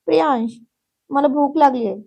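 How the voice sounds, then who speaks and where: A woman's voice: high-pitched, moderate pace, gravelly, mellow. A woman voicing a stubborn, clingy young woman who whines and pleads in a childish sing-song. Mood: pleading.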